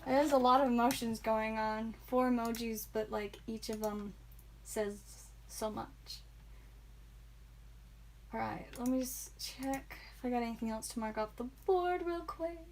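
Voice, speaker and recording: A woman's voice: fairly high pitch, takes it slowly, slight background noise. A woman hosting a live card-opening stream, chatting and giggling with viewers, tired and a bit loopy. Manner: chatty, giggly, talks to chat viewers by name. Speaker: livestream card seller and host.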